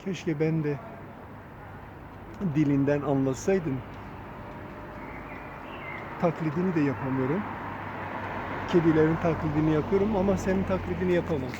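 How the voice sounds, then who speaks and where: A man walks through a garden with his phone, softly and slowly coaxing a bird to come closer. His voice sits a bit high for a man. The sound is dull and lo-fi, with clear street and traffic noise around him. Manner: coaxing and affectionate toward a bird. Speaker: nature vlogger. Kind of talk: casual vlog narration. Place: outdoors in an urban garden.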